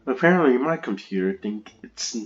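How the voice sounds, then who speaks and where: A man's voice: mid-range voice, expressive, normal speed, lo-fi sound. A man hosting a casual let's-play, chatting and rambling with frequent laughs through a gaming headset. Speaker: gamer, video host.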